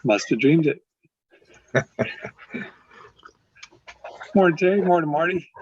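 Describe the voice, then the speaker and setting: Husky man greeting members on a video call. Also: on the high side, animated, normal speed, no room sound. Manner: chatty, greets members by name, laughs often. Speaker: club president hosting a video meeting. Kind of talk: casual chat. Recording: dull lo-fi video call audio.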